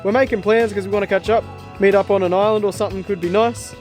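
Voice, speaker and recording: A rambling, easygoing Kiwi boatyard bloke, as a man puts on the accent for a laugh, his voice pitched up above his usual and pushed a little louder. He talks in loose, chatty asides and calls everyone bro. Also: steady tone, fast talker, soft background music, natural voice. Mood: laid-back. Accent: put-on New Zealand. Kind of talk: comic impression in a vlog.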